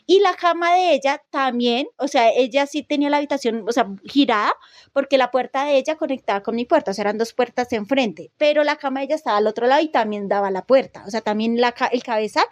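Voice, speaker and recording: A woman with a high, bright-pitched voice tells a chilling personal story in casual podcast chat. She talks in an animated way, restarting sentences and acting out her own reactions. The sound is dry and close to the mic. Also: quick pace, dry recording.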